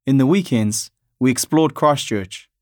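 A man from Afghanistan narrating his family's story in a measured, reflective way. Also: mid-range voice, expressive, a little mellow, dry recording, clean studio sound.

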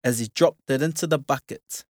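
A narrator reading a children's storybook aloud in a slow, expressive way. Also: mid-range voice, no room sound, clean studio sound.

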